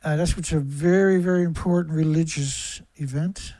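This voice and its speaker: A man hosting a livestream unleashes a profane, angry rant built on hammering rhetorical questions. His voice is on the high side and warm, with a steady tone and moderate pace, and there's no room sound.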